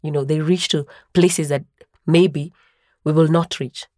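A woman's voice: low voice, fairly even intonation, unhurried, dark tone, dry recording, clean studio sound. A young Kenyan woman in the film business, telling her story in an eager, exclaiming way. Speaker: film actor and producer. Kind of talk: casual interview.

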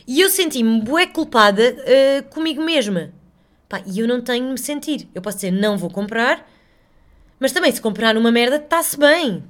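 Woman, European Portuguese accent, podcast host, solo monologue, slightly high voice, rambling, swears freely. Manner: rambling, chatty, swears freely, self-mocking.

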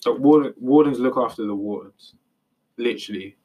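A man's voice: medium pitch, normal speed, mellow, breathy edge, recorded from a distance. A young man with a London roadman accent, chatting casually in emphatic street slang. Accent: London, urban street slang. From London, England. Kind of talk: casual group chat.

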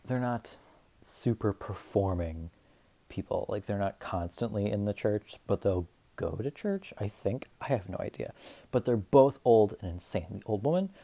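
Rambling, profane young man with a low voice. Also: dark tone. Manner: rambling, profane, self-deprecating. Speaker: podcast host. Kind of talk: casual solo monologue.

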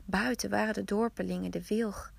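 A woman podcast host telling a folk tale slowly, often dropping to a hush. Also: mid-range voice, fairly even intonation, creaky, husky, no room sound. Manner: slow, hushed, often whispering. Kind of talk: storytelling narration.

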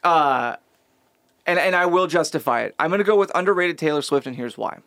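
A man co-hosting a casual podcast, joking and arguing in an animated way. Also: on the high side, no room sound, studio quality. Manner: animated, joking, quick to argue. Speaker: podcast co-host. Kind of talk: casual chat.

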